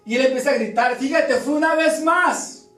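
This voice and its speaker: A man preaching a sermon in a church, telling the story in an animated way and acting out the voices in it. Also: very high-pitched, moderate pace, faint music behind. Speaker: pastor. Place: church hall. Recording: echoey church room, far from mic.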